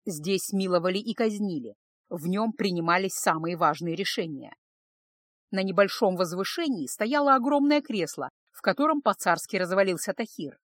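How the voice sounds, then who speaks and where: A woman reading a first-person audiobook in a steady, expressive narration on a close microphone. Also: mid-range voice, normal speed, no room sound.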